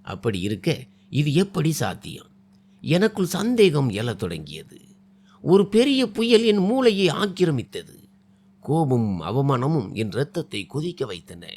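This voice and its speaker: A man narrating a dramatic first-person story, swinging between hushed and loud in an emotive way. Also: fairly high pitch, huge pitch swings, measured pace.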